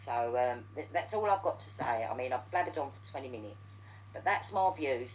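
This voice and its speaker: Low-voiced woman ranting. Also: animated, a little fast, darkish tone, a little hiss or hum, poor audio. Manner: heated, sweary, repeats words when worked up. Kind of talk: angry ranting monologue.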